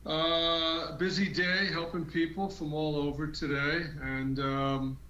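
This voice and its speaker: A slightly high-voiced man on a remote call, muffled and far off as if speaking through a wall. His treatment-room audio is roomy and dull. He talks casually and hesitantly, with many fillers. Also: flat delivery, takes it slowly, bright, forceful tone. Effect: muffled and distant, as if through a wall. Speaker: guest healer on a call-in show. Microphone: remote computer call.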